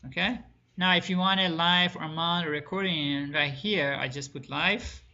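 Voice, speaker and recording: A man's voice: a little high, steady tone, normal speed, bright, forceful tone, muffled recording, slight background noise. A man teaching a screen-recorded networking lesson, asking the class questions and answering them himself, with small grammar slips. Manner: plain spoken with non-native grammar slips. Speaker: networking instructor.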